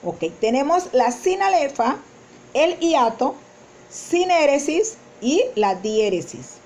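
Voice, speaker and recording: A woman teacher explaining poetic meter in a spoken lesson, slowly sounding out example lines syllable by syllable. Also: sits high, lively intonation, darkish tone.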